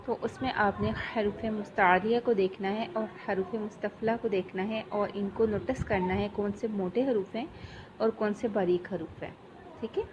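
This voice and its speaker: Woman, recitation lesson, stretched-out sounds, dull recording, faint hiss. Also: a little high. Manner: slow drawn-out demonstration of letters, then brisk explanation. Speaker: Quran recitation teacher. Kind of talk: tajweed lesson.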